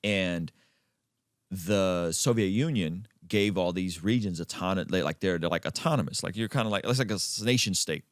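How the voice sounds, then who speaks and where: A man from Azerbaijan hosting a podcast conversation, talking emphatically and leaping up in pitch to stress his points. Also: moderate pace, no room sound, studio quality. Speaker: podcast host.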